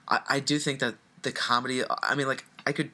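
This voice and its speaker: A man's voice: medium pitch, fairly even intonation, brisk, bright, forceful tone. A young man co-hosting a horror movie review, chatting casually with a lot of ums and restarts. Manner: hesitant, many ums and restarts.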